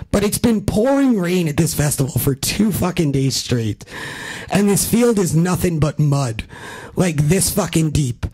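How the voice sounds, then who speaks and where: A man doing stand-up at a house comedy show, telling a rambling, profane story in an animated way. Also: sits high, poor audio. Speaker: stand-up comic.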